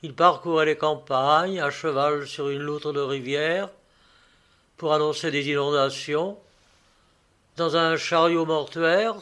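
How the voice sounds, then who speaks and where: A man's voice: on the high side, a bit bright. Man reading a literary tale. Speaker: narrator.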